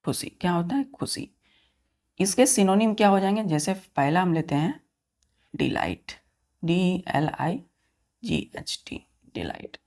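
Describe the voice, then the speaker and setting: Low-voiced woman teaching vocabulary. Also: sing-song, measured pace, long pauses, a little mellow. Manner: spells words letter by letter and asks quiz-style questions. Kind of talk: vocabulary lesson for exam students.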